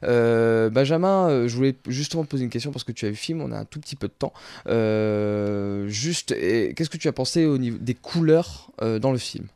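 A male radio host talking about films in a relaxed, chatty way, stumbling often over filler sounds and restarting his sentences. His voice sits at an ordinary pitch and is recorded close and dry in a studio, with no room sound at all. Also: fairly quick, dry recording. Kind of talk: casual radio film chat.

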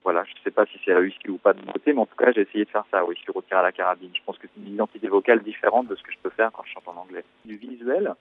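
A French man in his forties, a musician answering radio interview questions in a thoughtful, explanatory way, pausing on fillers. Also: lowish voice. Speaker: musician guest. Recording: tinny phone-like line, dry.

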